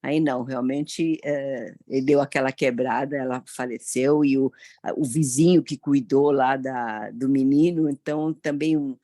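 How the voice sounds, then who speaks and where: A woman sharing her views in a casual film discussion, chatty and halting. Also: rumbling low, steady tone, warm tone, dry recording, studio quality. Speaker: audience member.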